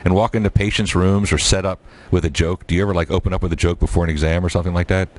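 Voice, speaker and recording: A male talk radio host interviewing a guest, joking often with quick asides. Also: low voice. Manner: jokey, animated, quick asides.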